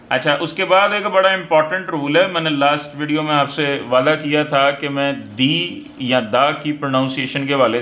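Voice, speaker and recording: A man, explaining English pronunciation slowly and deliberately, drawing out each example word. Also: fairly high pitch. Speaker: English teacher. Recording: dull lo-fi recording.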